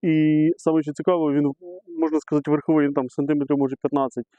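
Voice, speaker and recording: A middle-aged man films himself metal detecting on an outdoor meadow, digging while chatting casually to camera and calling his viewers friends. His voice is a little high and warm, with little pitch movement, and he talks fast. The recording is dry, slightly dull and lo-fi.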